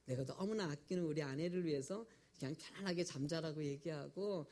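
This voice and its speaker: A preacher voicing a soft-spoken young husband who explains himself quietly and gently. His voice has a gravelly edge. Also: a little high, a little fast, close to an everyday voice. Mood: gentle. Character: calm, devoted young husband making his own breakfast.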